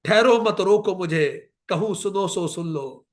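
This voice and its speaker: A man reciting the lines of a grief-stricken, self-condemning queen mother as slow, measured verse. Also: high-pitched. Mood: remorseful.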